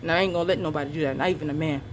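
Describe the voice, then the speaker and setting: A woman's voice: low voice, fairly even intonation, rapid-fire, noisy background. A woman and mother of three retelling her arrest in an angry, blunt vlog vent, swearing freely and hammering her points with emphasis. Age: adult parent of three children. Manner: blunt, profane, emphatic and defiant. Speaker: vlogger recounting her arrest.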